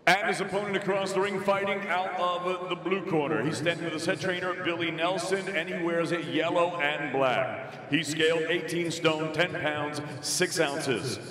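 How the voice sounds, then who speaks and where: A man's voice: moderate pace, a bit bright, distant mic. Echoing showman ring announcer, lucha libre style. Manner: theatrical, booming showman delivery. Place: boxing ring in an indoor exhibition arena. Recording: echoey arena PA, heard from afar.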